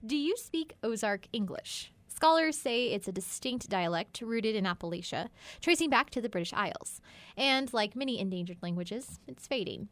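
Higher-voiced woman hosting a radio show. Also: lively intonation, moderate pace, a bit bright, dry recording. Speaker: radio host. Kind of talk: scripted radio story introduction.

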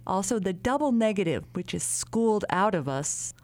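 A woman's voice: medium pitch, expressive, moderate pace, a little mellow, dry recording. Woman reporter narrating a dry-sounding radio feature.

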